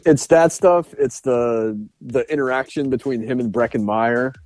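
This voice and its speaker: Mid-range and at normal speed, this man's voice is free of echo, with faint music in the background. Co-hosting a podcast, he gives a casual film review in an animated retelling full of laughter and restarts.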